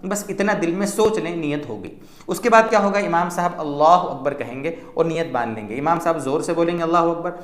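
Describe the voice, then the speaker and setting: A man's voice: a little high, echoey room. A man explaining step by step how to pray as a mufti, in a patient teaching manner, often checking in with "theek hai.". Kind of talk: religious instruction talk.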